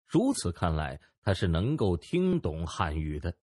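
A man narrates a novel in an expressive storytelling style. His voice is lowish and husky, and his pitch moves a lot. The sound is dry and close. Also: measured pace, no echo. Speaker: audiobook narrator. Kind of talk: scripted narration.

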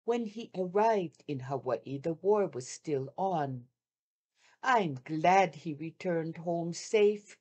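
An older woman on a video call, reading a first-person wartime memoir aloud in a measured, heartfelt way with long pauses. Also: fairly low pitch, a little mellow. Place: home room with shoji screens. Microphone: video call webcam.

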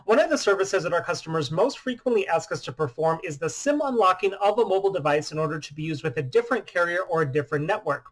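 Guy in his 30s walking thru a phone demo, kinda high voice, calm explainer tone, webcam in a little room. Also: fast talker, few pauses. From US Midwest. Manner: steady explanatory talk. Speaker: phone repair shop owner. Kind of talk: product demo vlog. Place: small room indoors.

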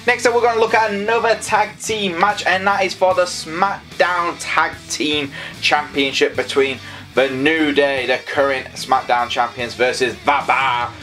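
Excitable guy rambling predictions. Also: fairly high pitch, unhurried, soft background music. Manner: excitable, rambling, talks straight to viewers. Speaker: wrestling predictions host. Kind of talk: casual predictions vlog.

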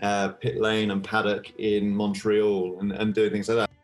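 A man with a fairly low voice answering interview questions over a video call. He speaks hesitantly, with fillers and restarts. Faint music sits beneath him. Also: monotone, a little slow. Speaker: event director being interviewed.

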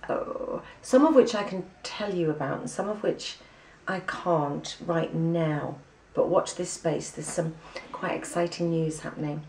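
A woman's voice: deep voice, measured pace, hardly any pauses, darkish tone, echoey room, distant mic, low-quality recording. A woman with an English accent giving a breezy, chatty catch-up to camera, full of ums. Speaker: vlogger giving a personal catch-up. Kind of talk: casual chat to camera.

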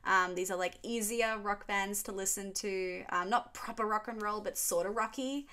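A young Australian woman talking straight to a desk camera in a small room at home. She chats in a loose, animated way, hands moving as she talks, answering viewer questions like she's catching up with friends. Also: medium pitch, moderate pace. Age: 20s. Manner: chatty and animated, gesturing with her hands. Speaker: YouTube music reaction host. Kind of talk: casual Q&A vlog.

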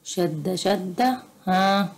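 A woman with an Egyptian Arabic accent tutoring young children in Arabic grammar, slow, patient and encouraging. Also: on the low side. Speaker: private tutor. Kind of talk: teaching a children's Arabic lesson.

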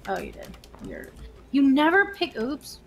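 A woman's voice: high voice, huge pitch swings, measured pace, creaky. Exasperated swearing gamer woman. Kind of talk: casual gaming chat.

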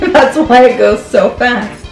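A woman, a mother, chatting playfully and in an animated way with a young child while playing a game. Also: on the high side, slow pace, creaky. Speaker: mother co-hosting a family toy channel. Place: indoor room at a table, echoey. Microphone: camera a short distance away. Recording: roomy echo, music behind.

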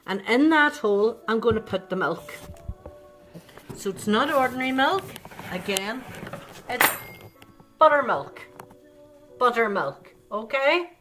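An older woman teaches children to bake from her home kitchen, speaking chattily and directly to young viewers with coaxing questions. Her slightly high voice is expressive, her pace measured with long pauses, and music plays under her.

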